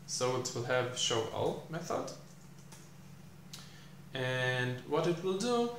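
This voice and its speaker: A young man teaching programming while he codes, thinking aloud with many fillers and pauses, recorded in a small room. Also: medium pitch, sing-song, a bit bright. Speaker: programming tutor. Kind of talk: live coding explanation. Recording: echoey room, faint hiss.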